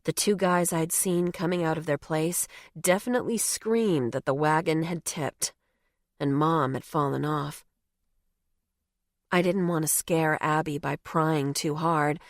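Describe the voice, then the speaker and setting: A woman's voice: deep voice, steady tone, a little slow, dry recording, studio quality. A woman narrating a novel in the first person, with a wry, conversational telling. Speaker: audiobook narrator.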